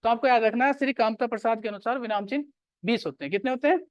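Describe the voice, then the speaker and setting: A man's voice: very high voice, racing, no room sound, highs cut off. A male teacher giving a classroom grammar lecture, repeating key points and quizzing his students.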